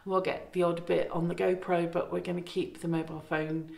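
Inside the farmhouse she's renovating, a middle-aged vlogger talks fairly quickly to her arm's-length phone camera, rambling and fixing her phrasing. Her low voice is flat, gravelly and a touch mellow. The recording has a roomy echo.

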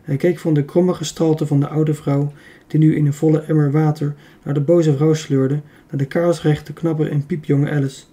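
A man narrating a children's adventure audiobook in a steady, even reading. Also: fairly high pitch, moderate pace, few pauses. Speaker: audiobook reader. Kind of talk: storybook narration.

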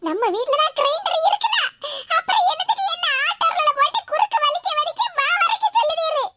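A shrill cartoon wife. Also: animated, brisk, over loud music. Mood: wailing complaint. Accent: southern Tamil Nadu. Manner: scolding, whiny, squeaky. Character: feisty older wife and mother-in-law, sharp-tongued. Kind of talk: cartoon voice acting. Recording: loud background noise.

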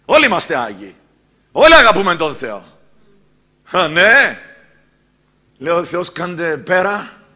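Cypriot pastor guy preaching, high piercing voice, goes from shouting to low asides. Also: sing-song, pauses often. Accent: Cypriot Greek. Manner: swings from loud exclaiming to low asides. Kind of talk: sermon.

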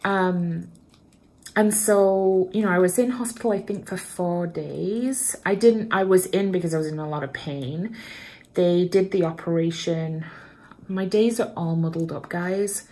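A woman's voice: lowish voice, darkish tone. A woman vlogger chatting casually and self-deprecatingly while she repots houseplants at home, talking to a camera propped up in front of her. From Canada. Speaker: plant vlogger.

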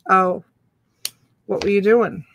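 A middle-aged woman hosting a live online auction from a room at home, counting items and calling bids slowly on a webcam. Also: medium pitch, steady tone, vocal fry, a bit bright, slight background noise.

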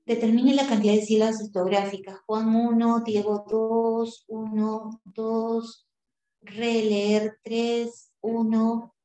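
A woman teaches a language class, counting syllables aloud at an unhurried, deliberate pace. Her voice is fairly high yet mellow, and it rings with the echo of a roomy space. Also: flat delivery. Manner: counting syllables aloud slowly, correcting exercises. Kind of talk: live online class.

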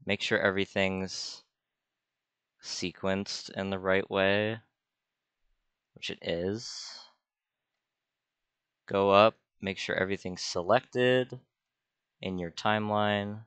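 A man's voice: low voice, fairly even intonation, slow, long pauses, a bit bright, clean tone, no room sound. A young man, an art student, casually talking through a screen-recorded drawing tutorial in an offhand, self-deprecating way. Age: young adult.

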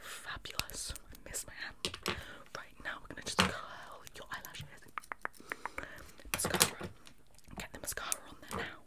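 Whispering young woman, fast chaotic ASMR role-play. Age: young adult. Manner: fast, chaotic, brisk whispering with repeated words. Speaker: ASMR makeup artist role-play host. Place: small indoor bedroom. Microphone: close fluffy-covered microphone.

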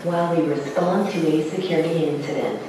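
An announcer making a measured service announcement over a subway station loudspeaker. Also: medium pitch, fairly even intonation. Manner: measured, formal announcement delivery. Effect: loudspeaker public address in a subway station. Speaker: transit announcer. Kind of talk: public address service announcement. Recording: echoey station loudspeaker from far off, noisy.

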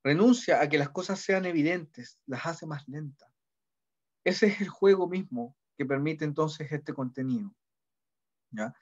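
A middle-aged Chilean man teaches a literature class in an easy conversational manner. His voice sits somewhat high, and he keeps pausing to ask the students whether they follow. The recording sounds dull and lo-fi. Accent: Chilean Spanish. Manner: conversational, repeats ¿ya? to check in with students. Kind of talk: classroom lecture.

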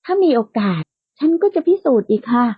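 A woman's voice: a little high, big pitch swings, brisk, slightly rough, dry recording, full character voice. A woman voicing a bold, playful young woman who likes to tease, in a lightly lo-fi, dry recording. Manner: playful and outspoken, bright and teasing.

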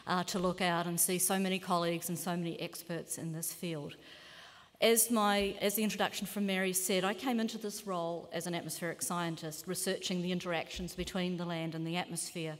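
Woman, 50s, New Zealand accent, measured formal lecture, slightly low pitch, podium mic, echoing hall. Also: fairly even intonation. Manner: measured, earnest, occasional self-corrections. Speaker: keynote lecturer, climate scientist. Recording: long hall reverb.

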